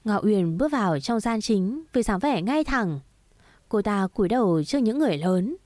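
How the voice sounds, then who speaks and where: A woman narrating a romance story aloud in a steady, even storytelling manner. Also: mid-range voice, normal speed, dry recording.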